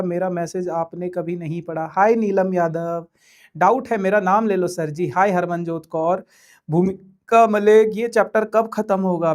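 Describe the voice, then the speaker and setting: A man teaching a live online class, chatting and joking as he reads viewer messages aloud. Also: sits high. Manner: hesitant fillers.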